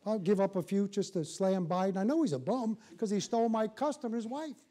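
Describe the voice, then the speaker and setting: High-voiced older preacher, mellow tone. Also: male voice, brisk. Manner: animated, folksy, jokey, with rhetorical questions to the congregation. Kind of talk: church sermon. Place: church sanctuary, in front of a small congregation.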